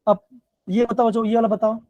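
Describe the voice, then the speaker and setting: High-voiced male chemistry teacher, repetitive. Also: little pitch movement, brisk, no room sound. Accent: Himachali Hindi. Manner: repetitive, keeps calling the students "बच्चों". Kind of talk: live online class lecture. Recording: dull, dry low-fi online class audio.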